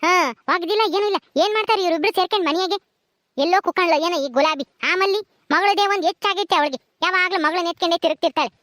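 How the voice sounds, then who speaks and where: A woman's voice: very high-pitched, fast, no echo, studio quality. A woman with a rural Karnataka accent plays a bossy, short-tempered mistress of a village house who nags and scolds. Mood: grumbling. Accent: rural Karnataka Kannada. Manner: scolding, nagging, sharp-tongued. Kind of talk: homemade village drama.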